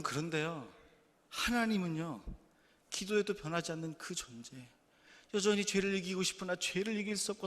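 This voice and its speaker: A male pastor preaching a sermon through stories, animated and candid, dropping to quiet asides and then rising into loud, emphatic bursts. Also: sits high, big-room sound. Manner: candid, self-deprecating confession. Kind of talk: storytelling sermon.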